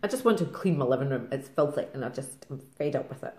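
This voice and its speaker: Casting note: middle-aged Scottish woman, low-pitched, rambling craft-vlog chatter, roomy echo. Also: lively intonation, warm tone. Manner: rambling, fast-talking, laughs often. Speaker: craft vlogger. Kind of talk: casual chat to camera.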